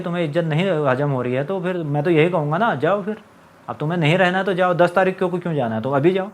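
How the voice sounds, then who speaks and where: A young man telling his own story in a casual monologue, agitated and complaining, acting out what others said. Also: fairly high pitch. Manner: agitated, complaining, acts out quoted lines.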